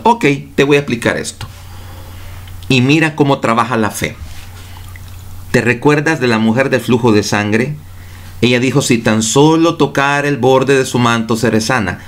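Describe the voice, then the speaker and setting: A man's voice: mid-range voice, a bit bright. A male pastor preaching a sermon, reading scripture aloud and putting rhetorical questions straight to his congregation. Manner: addresses listeners directly and reads scripture aloud.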